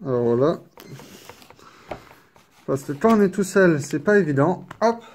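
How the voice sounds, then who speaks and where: Slow, chatty man unboxing a collector's box. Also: fairly high pitch, lively intonation, a little mellow, a little hiss or hum. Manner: unhurried, chatty, filler-heavy with frequent "hop" and "donc"; apologetic and self-deprecating. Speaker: unboxing video creator. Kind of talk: casual unboxing commentary. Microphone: camera mic, filming one-handed.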